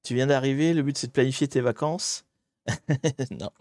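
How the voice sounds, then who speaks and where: A man streaming live, chatting with his viewers as he hunts through online maps and grumbles at the software. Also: mid-range voice, moderate pace, no echo, studio quality. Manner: chatty, talks to chat while searching maps, mildly exasperated. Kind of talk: live-streamed geography puzzle commentary.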